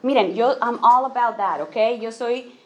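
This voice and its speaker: A woman's voice: a little high, unhurried, dull audio. A woman giving an informal church talk to women, often checking in with the audience, dropping in English phrases and acting out small scenes. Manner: acts out little quoted scenes. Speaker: speaker at a women's church gathering.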